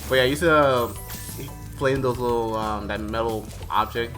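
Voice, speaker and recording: A man's voice: mid-range voice, moderate pace, a bit bright. A young man giving casual, rambling commentary while playing a video game. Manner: rambling, chatty, self-correcting. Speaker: gaming streamer. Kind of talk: casual let's-play commentary. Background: game music.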